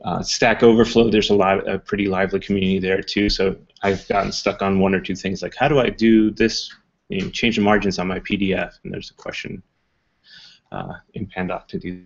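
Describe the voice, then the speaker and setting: A man presenting a casual technical talk, relaxed, with many ums and uhs. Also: sits low, fairly quick, vocal fry. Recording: muffled talk recording.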